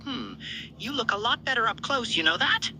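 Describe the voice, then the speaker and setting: A woman's voice: fairly high pitch, expressive, moderate pace, pushed and bright, slight background noise, pitched above the performer's own voice, rough recording. A woman voicing a small male alien army commander who flirts in a flustered, hesitant, teasing way for a fan fiction roleplay dub. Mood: flirty, soothing.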